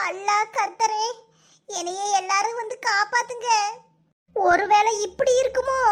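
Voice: very high voice, fairly bright tone. A performer voicing a kidnapped village housewife in a cartoon, wailing and cursing in a Tirunelveli Tamil accent. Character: kidnapped village housewife, shrill and foul-tempered. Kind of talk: cartoon voice acting.

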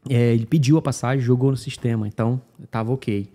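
A man from Brazil, a guest telling a travel story in casual talk, animated and acting out the dialogue he recounts. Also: medium pitch, fast. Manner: animated, acts out dialogue with voices.

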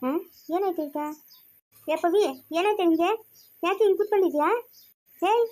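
A woman's voice: very high voice, dark tone. [name], a woman playing a blunt bossy friend. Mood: brisk. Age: young adult. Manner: brisk, scolding. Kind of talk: amateur family skit acting.

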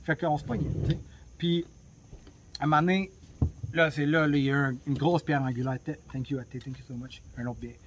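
A man's voice: fairly high pitch, fairly even intonation, fairly quick, slight background noise. A man with a Québécois French accent hosting a travel podcast, telling his story in a chatty, blunt way with lots of swearing, recorded on a phone. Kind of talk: casual storytelling monologue.

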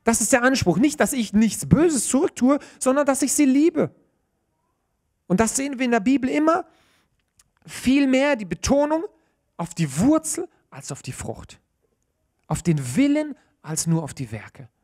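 A man in his thirties preaching a sermon in church, earnest and animated, often restarting mid-phrase. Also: extremely high pitch, a little slow.

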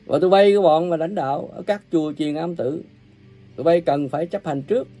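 A man preaching an angry, ranting sermon, cursing and scolding his listeners with coarse insults, his volume swinging from loud bursts to low mutters. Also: a little fast, faint music behind. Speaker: self-proclaimed religious preacher.

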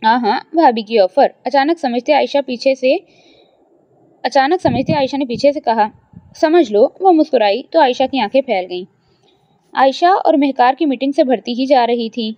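Woman, audio novel narrator, scripted, steady, somewhat high voice, dry lo-fi recording. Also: dry recording. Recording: dry, slightly dull lo-fi.

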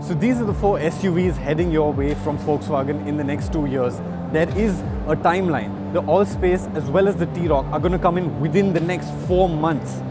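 A man's voice: fairly high pitch, moderate pace. A man in his thirties presenting cars at an indoor auto show, upbeat and explanatory, speaking straight to viewers. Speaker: motoring journalist presenter. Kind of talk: presenting a car show walkaround. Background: loud music.

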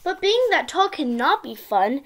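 A girl of about ten with an expressive, sing-song delivery, reading a storybook aloud as if to small children. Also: sits high, measured pace. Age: child, around ten. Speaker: young video channel host reading a picture book. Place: small indoor room at home.

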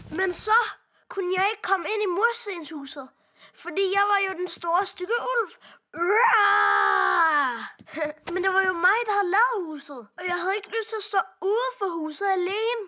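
A woman's voice: extremely high pitch, pushed and bright, heavily acted. A woman voicing a small cheerful bunny preschooler boy in a cartoon dub, talking in a childlike, earnest way. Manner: childlike, earnest, sulky when upset. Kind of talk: cartoon dubbing.

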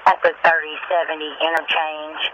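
A man dispatches over police radio in a fairly high, even voice. His reports are terse and businesslike. The scanner sound is muffled, with a faint hum. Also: normal speed. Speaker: emergency dispatcher. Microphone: two-way radio. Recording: muffled, lightly humming emergency scanner radio.

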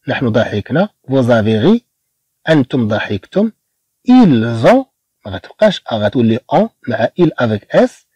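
A man with a Moroccan accent teaching a beginner French lesson, slowly repeating each word for his students. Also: mid-range voice, darkish tone, breathy edge, no room sound. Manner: slow, repeats words for drills.

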